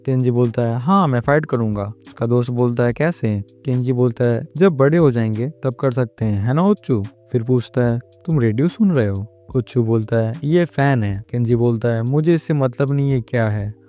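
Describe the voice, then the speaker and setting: Mellow-voiced man recapping a story. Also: mid-range voice, normal speed, few pauses. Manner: retells scenes line by line, reading characters' lines in his own plain voice. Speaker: manga recap narrator.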